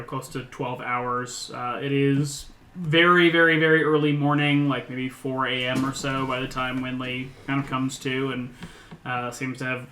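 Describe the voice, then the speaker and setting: A man narrating a tabletop game as game master, in a halting delivery. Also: medium pitch, pushed and bright. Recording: roomy, faint background noise.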